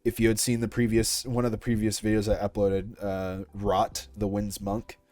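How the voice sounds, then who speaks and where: Answering questions about his creative audio work, this twenty-something creator thinks out loud in a relaxed way. His darkish, low voice is completely flat and runs at normal speed, with no echo on the recording.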